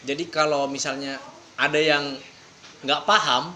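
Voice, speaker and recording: A man's voice: fairly high pitch, flat delivery, unhurried, pushed and bright, slight background noise. A man hosting a casual interview, asking rambling questions full of fillers. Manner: chatty, hesitant questions with many fillers. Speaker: podcast host.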